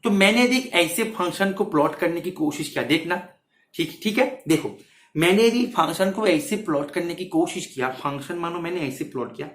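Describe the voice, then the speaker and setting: A man's voice: a little high, animated, fairly quick, fairly bright tone. A man teaching maths for an exam, who keeps checking in with his students and repeats his phrases as he explains. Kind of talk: exam-prep lecture. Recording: roomy, echoey sound.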